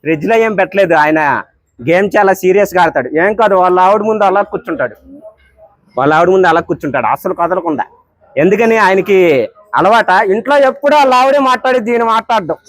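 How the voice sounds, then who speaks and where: A man bantering and teasing people at a tea stall, joking and exclaiming loudly. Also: high voice, fast talker, no room sound. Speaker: vlogger. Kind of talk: playful street banter.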